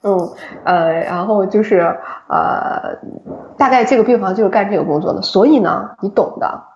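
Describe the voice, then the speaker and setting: A woman's voice: mid-range voice, normal speed, darkish tone. A woman, a doctor and podcast co-host, telling a story from work in a casual chat, laughing often as she goes. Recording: roomy, slightly dull recording.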